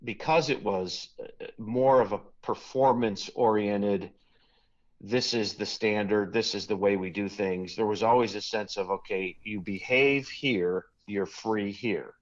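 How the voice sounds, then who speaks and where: A man's voice: on the low side, measured pace. Sixty-something Chicago man, lo-fi line. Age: 60s. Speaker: former youth pastor, guest. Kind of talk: casual conversation.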